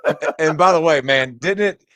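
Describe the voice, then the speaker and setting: A man's voice: fairly high pitch, fairly quick, a bit bright, no echo. A man in his forties hosting casual sports chat, fired-up and emphatic, full of "like.". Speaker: host, former football player.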